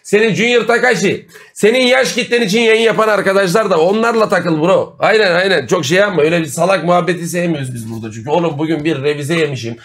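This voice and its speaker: A man's voice: sits high, fast, few pauses, a bit bright. Crude joking young male streamer. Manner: crude, joking, swears a lot, reads donations aloud. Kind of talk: casual live-stream chat.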